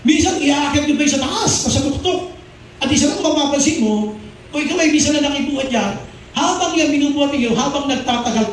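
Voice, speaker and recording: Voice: high-pitched, a little hiss or hum. A pastor preaching a sermon in a mix of Tagalog and English, who often asks the congregation questions and repeats key phrases. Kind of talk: Taglish sermon. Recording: very echoey hall, mic far off.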